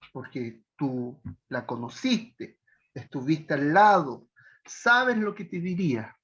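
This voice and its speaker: Slow-talking counseling teacher. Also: male voice, on the high side, a bit bright, highs cut off. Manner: self-described sarcastic, keeps tagging "¿ya?". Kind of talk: online class lecture.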